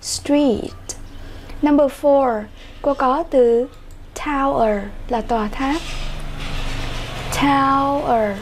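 High-voiced Vietnamese woman teaching slowly. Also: a little mellow, a little hiss or hum. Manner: slow, carefully repeated English words. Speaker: English teacher. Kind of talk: online workbook lesson for children.

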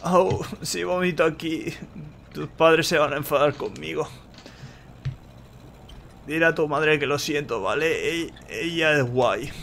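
A man puts on a drunk young cat woman, his voice pushed a few steps higher than his own. She slurs and drags her words, wobbly and pleading. It is a game read aloud. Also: vocal fry, a bit bright, slight background noise. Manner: slurred, wobbly, pleading, drawn-out.

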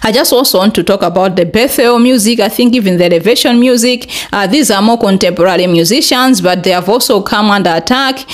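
A young woman from Malawi talking earnestly to camera in a small bright room, with many fillers, her pitch rising when she presses a point. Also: fast, few pauses. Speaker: vlogger. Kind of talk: casual commentary to camera. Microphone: desk podcast mic in front.

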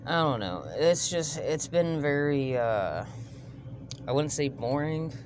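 A man's voice: fairly high pitch, lively intonation, slow. A man with a Texan accent rambling casually to his phone camera outdoors at night, with many fillers and casual swearing. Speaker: homesteading vlogger. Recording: outdoor night with clear background noise.

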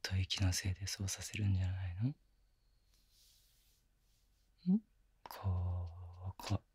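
A man playing a teasing, affectionate young boyfriend in intimate ASMR role-play, murmuring softly and very close to the microphone. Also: sits low, flat delivery, moderate pace, dry recording. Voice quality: breathy, gravelly. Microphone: very close binaural microphone, dry.

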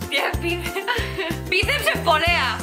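A woman in her twenties with a Spanish accent from Spain, chatting excitably and casually as host of a challenge video. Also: extremely high pitch, slow pace. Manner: excitable, giggly. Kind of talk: casual challenge vlog chat. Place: small room indoors. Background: music.

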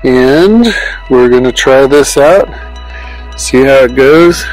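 A man vlogs his amateur radio outing outdoors on an open hillside at dusk, holding his phone himself and informally musing about the hobby. He speaks slowly in a mid-range, darkish voice. The audio is poor, with faint music in the background.

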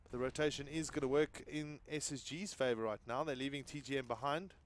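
A man from South Africa giving excitable play-by-play commentary on an esports match, rising loudly on big plays. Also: fairly quick. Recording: low-quality stream audio.

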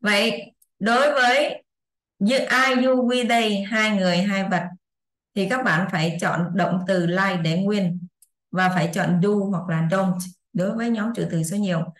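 A woman explains an English lesson in a casual, talkative way. She repeats examples and keeps checking that her students are following. Her middle-pitched voice carries a noticeable room echo. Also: fairly even intonation, measured pace. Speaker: English teacher. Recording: roomy echo.

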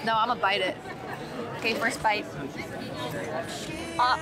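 A woman's voice: fairly high pitch, fairly even intonation, a little slow. A young woman vlogging casually while eating at a busy outdoor night market, murmuring and giggling between bites. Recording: crowd noise and background music.

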